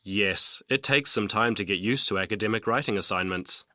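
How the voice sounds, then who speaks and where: A man's voice: on the low side, moderate pace, bright, forceful tone, dry recording, studio quality. A man playing a patient university professor who explains things in a stilted, scripted textbook dialogue. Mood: patient, helpful.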